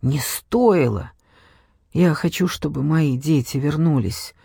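A man's voice: fairly high pitch, slow, vocal fry, mellow, husky, no room sound, clean studio sound, full character voice. A man voicing an anguished worn-down woman. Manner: strained, pleading.

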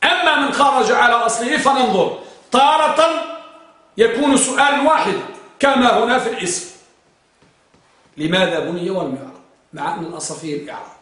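A man's voice: extremely high pitch, expressive, fairly quick, pauses often, a bit bright, distant mic. A man teaching Arabic grammar to a class, often firing questions at the students and chanting rules in verse. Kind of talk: classroom lesson. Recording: very echoey room.

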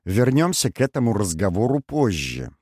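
A self-assured king who talks in a lighter, higher register than the narration around him, lively and lightly teasing, as a male reader puts him on. The sound is close and dry, a plain audiobook read. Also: moderate pace, slightly rough, no echo. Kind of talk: audiobook character voice.

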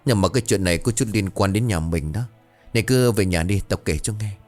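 A man voicing a gruff, secretive older village uncle who dodges questions in a hushed, low tone. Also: fairly quick, faint music behind, natural voice. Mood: grave.

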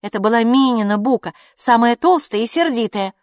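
A woman's voice: fairly high pitch, animated, brisk, darkish tone, no echo, studio quality, voice pushed up, close to an everyday voice. A woman voicing a proud, bossy older girl who talks in a smug, commanding way.

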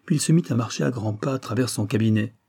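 Dark-voiced male audiobook narrator. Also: medium pitch, fast talker, slightly rough.

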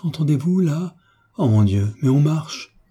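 Anxious young heiress, raised higher than the reader's own voice, husky tone, read by a man. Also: expressive, a little slow, mellow. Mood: frightened. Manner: anxious, pleading. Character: frightened young orphan heiress, woman.

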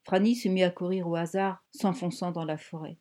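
A woman reading a novel aloud in measured, vivid scripted narration. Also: fairly low pitch, fairly even intonation, mellow. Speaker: audiobook narrator.

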